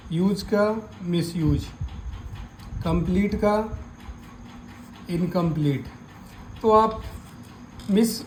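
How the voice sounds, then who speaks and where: Slow-speaking male grammar teacher. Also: high-pitched, a little mellow, slight background noise, low-quality recording. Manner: slow, repetitive step-by-step explaining. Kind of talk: grammar lesson explanation.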